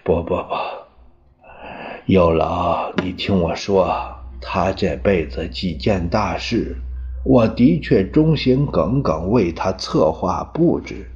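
A bitter aging politician, voiced by a male storyteller, drags his words out slowly in a lowish voice. His tone is weary and self-pitying. The audio sounds dull and lo-fi. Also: darkish tone. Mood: boastful.

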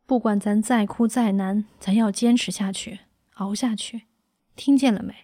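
A woman reading aloud, giving a soft, steady voice to an imprisoned mother comforting her children. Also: medium pitch, normal speed, dry recording, studio quality, lightly acted. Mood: tender.

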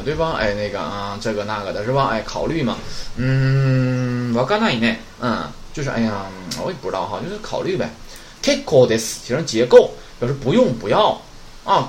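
A man teaching Japanese vocabulary in a chatty way, often asking a question and answering it himself. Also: a little hiss or hum. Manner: chatty, asks rhetorical questions and answers them; lively, swinging pitch. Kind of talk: casual vocabulary lesson.

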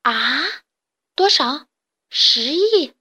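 Woman doing a high, curious little chick boy for a storybook, wide-eyed. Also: lively intonation, extremely slow, sharp tone, heavily acted. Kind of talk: storybook character voice.

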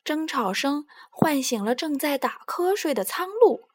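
A woman narrating a bedtime story for young children in a gentle, soothing way. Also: high voice, big pitch swings, a little slow.

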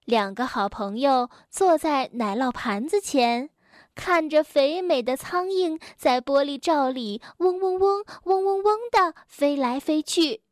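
A woman reading a children's story aloud to kids, gentle and unhurried. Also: high-pitched, dry recording, studio quality.

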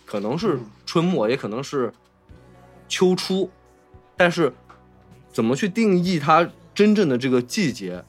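Hosting a laid-back film talk, a man with a Mainland Chinese Mandarin accent uses a fairly high, slightly rough voice with big swings in pitch. He keeps a measured pace with long pauses, soft music playing beneath, and keeps explaining and restating his ideas.

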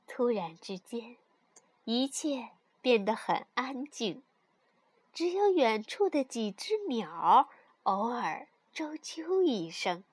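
Slow, lively-voiced woman storyteller. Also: fairly high pitch, breathy edge, no echo. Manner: slow, soothing, expressive reading. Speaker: children's storyteller. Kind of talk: bedtime story narration.

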